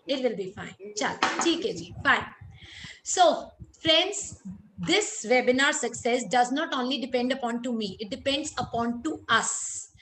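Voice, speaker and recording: A woman's voice: high-pitched, lively intonation, moderate pace, fairly bright tone. A woman with a North Indian accent giving an interactive webinar lecture, addressing listeners directly and mixing some Hindi into her English. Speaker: lecturer, chartered accountant. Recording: roomy echo, clear background noise.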